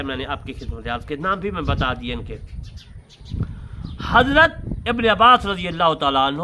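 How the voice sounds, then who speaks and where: A man preaching a religious lecture, explaining word meanings with emphatic, drawn-out words and repeated points. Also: on the high side, pushed and bright, a little hiss or hum. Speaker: Islamic preacher explaining scripture commentary. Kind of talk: sermon-style religious lecture.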